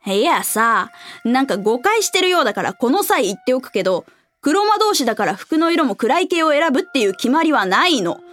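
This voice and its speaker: A lively, high-voiced sorceress played by a woman in a fantasy drama, breezy and blunt. She talks casually and frankly, grumbling with big swings of pitch. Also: fairly quick. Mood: grumbling, flippant. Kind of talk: fantasy audio drama acting. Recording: music under the voice.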